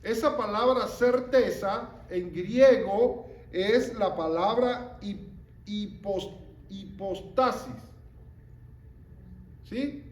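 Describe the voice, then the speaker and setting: A man with a fairly high voice teaches a Bible lesson at an unhurried pace. He explains each point slowly and keeps checking in with his listeners through rhetorical questions. The room gives his voice a noticeable echo.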